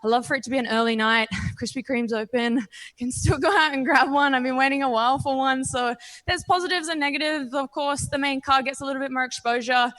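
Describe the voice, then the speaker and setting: Australian woman, 20s, fighter at post-fight presser; slightly high, confident, candid. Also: fairly quick, a bit bright. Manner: confident, candid, casual with frequent ums. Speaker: professional MMA fighter.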